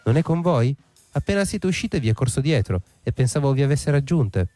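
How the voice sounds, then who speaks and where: Man doing a high-pitched scheming old witch, shrill and mocking. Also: very animated, a little fast, dark tone, dry recording, soft background music, lightly acted. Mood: sly shrill. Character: old female witch-shaman, sly and shrill.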